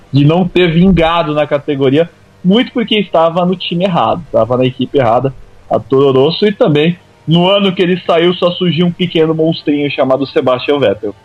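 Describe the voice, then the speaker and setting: A man's voice: a little high, dry recording. A Brazilian man giving conversational racing analysis as a pundit, often ending phrases with a tag question. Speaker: motorsport pundit. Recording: dull lo-fi radio sound, dry.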